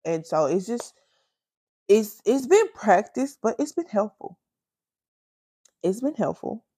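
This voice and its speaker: A woman in her twenties hosting her podcast, talking candidly and emotionally in casual slang, close to tears and pausing often. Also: medium pitch, big pitch swings, mellow, slightly rough, no echo. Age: 20s. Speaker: podcast host. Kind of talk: personal casual chat.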